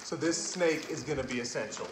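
Joking around with his kids while unboxing at an indoor table, a fishing channel host in his forties laughs often and keeps things cheerful. His voice is on the high side and a little fast, and the recording picks up an echoey room with background noise.

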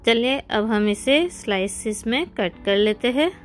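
A woman's voice: fairly high pitch, unhurried. A woman hosting a cooking channel, giving friendly step-by-step recipe instructions in a voice-over. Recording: soft background music.

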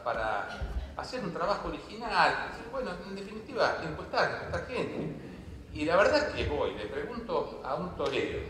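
A man's voice: on the high side, a bit bright, distant mic, slight background noise. Rambling older Argentine man on stage. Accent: Rioplatense Spanish. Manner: rambling, jokey, laughing at himself. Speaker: sketch comedian. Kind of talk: improvised stage sketch. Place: large theater stage. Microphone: far room mics. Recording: echoey theater hall from afar.

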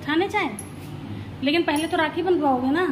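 A woman's voice: high voice, brisk, background noise. A woman from Lucknow chatting casually to camera in a family vlog, given to exasperated complaining. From Lucknow, India. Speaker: vlogger.

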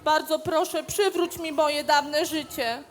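A poor little boy, acted out by a woman for a children's comedy play, with an extremely high voice. He is timid and whiny, always feeling sorry for himself. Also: steady tone, takes it slowly. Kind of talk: children's comic stage play.

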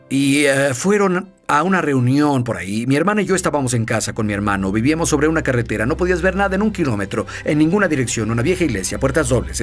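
Guy preaching his own story on a tv interview, lively, chuckles, faint music behind. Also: medium pitch. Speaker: guest minister. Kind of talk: personal testimony in a TV interview.

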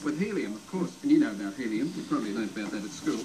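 A man presenting a 1970s children's TV segment in lively patter, heard played back from an old worn videotape. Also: medium pitch, racing, rough recording. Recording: worn 1970s TV tape, crowd behind.

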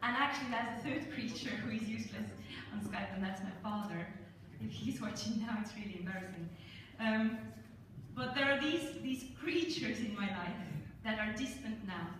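A middle-aged woman from Estonia telling a gently humorous story to a congregation, speaking with pauses into a handheld mic. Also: fairly high pitch. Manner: slow, warm-humored, with pauses. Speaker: church speaker. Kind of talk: storytelling talk with slides. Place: church hall. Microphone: handheld mic, filmed from the congregation. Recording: echoey hall from far off, noisy.

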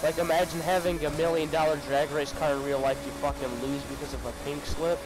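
A young man chatting casually with friends while playing a racing game, excited and swearing casually. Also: on the high side, brisk, very noisy. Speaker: gamer recording a party chat. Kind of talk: casual chat over game play. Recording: game music under the voice.

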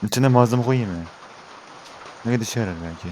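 A man's voice: medium pitch, normal speed, a little mellow, slight background noise. Exasperated Turkish man gaming. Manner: exasperated, talks to viewers as he plays. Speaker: gaming YouTuber. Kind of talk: let's-play commentary.

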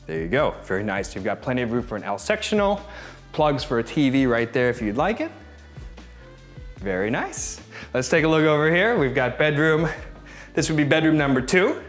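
A man's voice: mid-range voice, big pitch swings, normal speed, soft background music. A man in his thirties giving a casual walk-through home tour as a gushing, admiring real estate agent. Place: inside rooms of a modern house, briefly on its balcony.

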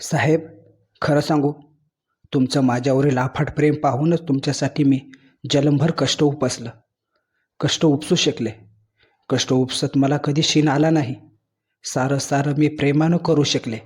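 A man's voice: on the high side, fairly even intonation, measured pace, long pauses, breathy edge. A man voicing a dying devoted wife. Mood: tender pleading. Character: dying devoted young wife, tender and pleading.

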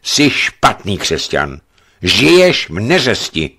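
A man's voice: medium pitch, very animated, a bit bright, a little hiss or hum, voice pushed up. A man voicing a stern, commanding old bishop who speaks solemnly.

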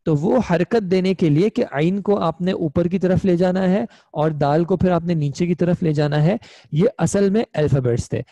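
A man's voice: high voice, normal speed, few pauses, dark tone, no echo, highs cut off. A young man teaching an online Arabic grammar class, explaining patiently step by step and checking in with his students. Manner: patient, explains step by step, often asks "ठीक है?".

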